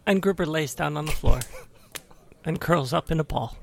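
A man's voice: a little high, normal speed, gravelly. A man narrating a tabletop fantasy game as the game master.

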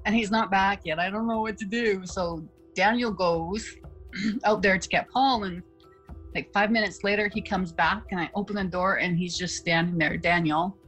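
A woman's voice: mid-range voice, steady tone, normal speed, fairly bright tone, faint music behind, low-quality recording. Middle-aged woman recounting an ordeal. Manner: earnest, quotes herself and others. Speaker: interviewee recounting family event. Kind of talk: emotional interview storytelling.

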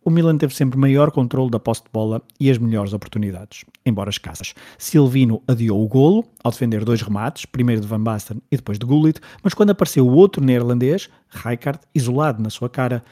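Male European Portuguese narrator for scripted football history, brisk delivery, mellow tone. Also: medium pitch, lively intonation.

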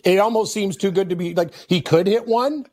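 A man co-hosting a casual sports betting podcast, agreeable and quick to laugh. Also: high voice, darkish tone. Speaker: podcast co-host.

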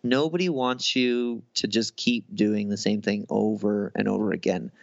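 Brief: thirties man, low gravelly voice, rambling chat with lots of restarts, dry dull lo-fi sound. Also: fairly even intonation, normal speed, no room sound. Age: 30s. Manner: rambling, many restarts and fillers. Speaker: guest author. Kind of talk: casual interview conversation.

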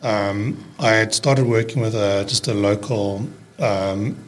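With a lowish voice, a landscaping business owner in his early fifties chats as a podcast guest about his work. The South African accent is giving way to American, and his relaxed delivery halts often, with plenty of fillers and restarts in this casual interview.

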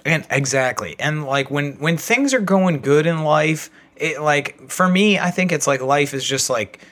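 A man's voice: fairly high pitch, animated, unhurried, fairly bright tone. Joking, foul-mouthed man hosting a podcast. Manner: loose, profane and joking. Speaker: podcast host. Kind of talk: casual recovery podcast chat.

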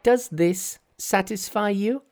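Man doing a brash storybook monkey, high and teasing, slow and bouncy. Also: a little mellow. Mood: cocky. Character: boastful mischievous male monkey hero, cocky.

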